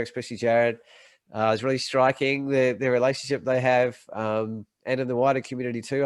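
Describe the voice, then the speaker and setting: An American man hosts a casual podcast interview over a video call, rambling with lots of fillers and restarts. His voice is medium-pitched and clean, with no room sound.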